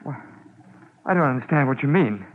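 A man's voice: mid-range voice, expressive, brisk, lightly acted. Male actor for nervous wealthy schemer, stiffly polite, very varied intonation, thin noisy vintage radio crime drama. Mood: nervous, confused. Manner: edgy, hesitant, stiffly polite. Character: nervous, wealthy, guarded husband hiding out with gun. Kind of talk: old-time radio crime drama acting. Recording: noisy, narrow-band old radio recording.

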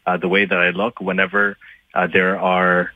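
A man guesting on a radio show by phone, speaking haltingly and thoughtfully, with lots of fillers and restarts. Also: deep voice, completely flat delivery, no room sound. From Pakistan, Libya and Saudi Arabia. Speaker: guest author. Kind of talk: phone-in interview. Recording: tinny phone line.

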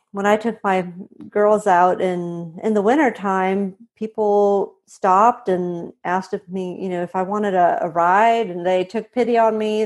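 A woman, a guest author answering interview questions in a relaxed way with frequent ums and uhs. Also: medium pitch. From Sweden.

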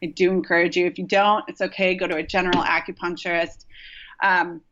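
A woman's voice: fairly low pitch, level tone, fairly quick, fairly bright tone, highs cut off. A woman acupuncturist talking casually as a podcast guest, rambling with many fillers and restarts. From Rochester, New York.

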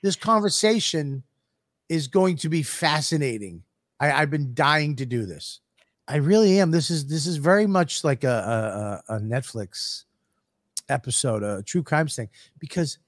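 A man's voice: on the high side, no room sound, studio quality. A man co-hosting a podcast in casual banter, rambling with stammered restarts and teasing his co-host.

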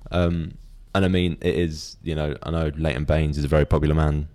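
Man, football panelist, very deep, monotone, fast, matter-of-fact. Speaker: podcast panelist. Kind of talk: casual football chat.

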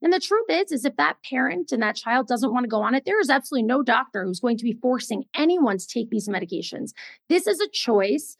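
A woman cardiologist in casual podcast chat, telling stories in an animated way with many fillers. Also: a little high, fast talker, vocal fry, no room sound. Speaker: cardiologist guest.

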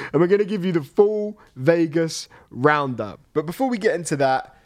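A man hosting a podcast in a casual, chatty style. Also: mid-range voice. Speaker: podcast host. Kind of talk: casual chat.

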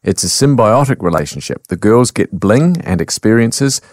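Kiwi radio host in his 60s, low-pitched, dry close mic, quick to laugh. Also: no echo. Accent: New Zealand. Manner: animated, laughs often, reads texts aloud. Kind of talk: talkback radio chat.

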